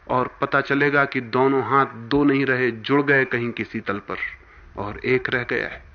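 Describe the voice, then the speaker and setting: A man giving a spiritual discourse, emphatic, with forceful rises and sudden hushed drops. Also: mid-range voice. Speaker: spiritual teacher. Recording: dull lo-fi archival talk recording.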